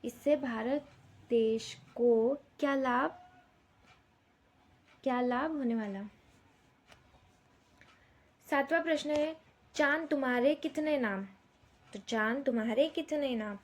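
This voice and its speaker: A woman teacher, her voice a little high. She talks very slowly, spelling out answers one word at a time and repeating each question for young pupils. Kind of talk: slow dictated Hindi lesson for young children.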